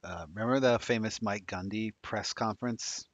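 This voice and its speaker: A man in his thirties co-hosting a live betting stream, chatting quickly and reading odds off a screen. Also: on the low side, steady tone, dry recording. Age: 30s. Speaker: sports betting show co-host. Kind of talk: casual live-stream chat. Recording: dry, dull lo-fi mic.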